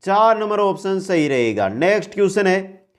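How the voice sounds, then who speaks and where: A male teacher with a fairly high voice runs through quiz questions at a steady clip. He restates each question, explains it briefly, and names the right option. He speaks directly to his students as friends. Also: clean tone. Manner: brisk quiz-answering, repeats the question then gives the answer; often addresses listeners as friends. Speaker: exam-prep teacher. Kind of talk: online exam-prep lesson.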